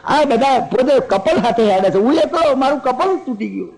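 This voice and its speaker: A man's voice: high voice, lively intonation, quick pace, creaky, voice pushed up. A man voicing a grieving divine prince who laments and complains about being mocked. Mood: lamenting.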